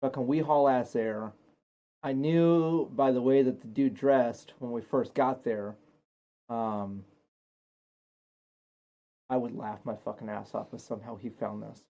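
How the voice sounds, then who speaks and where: A man's voice: mid-range voice, steady tone, measured pace, pauses often, mellow. A young man telling his side of a story in a laid-back, rambling, profane way as a guest. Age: young adult. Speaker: guest, host's partner. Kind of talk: casual storytelling chat.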